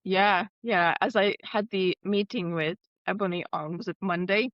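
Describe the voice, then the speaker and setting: A woman's voice: mid-range voice, steady tone, moderate pace, no room sound, dull audio. A woman from Lithuania, a guest and co-author chatting casually on a podcast, talking with lots of fillers and frequent laughter. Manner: warm, laughs often, flowing with fillers like "like".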